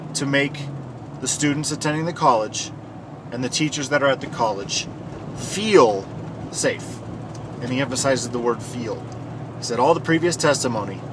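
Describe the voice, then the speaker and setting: A man talking casually while driving, in a rambling, conversational way with restarts. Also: medium pitch. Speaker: vlogger. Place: in a car. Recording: car road noise. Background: road noise.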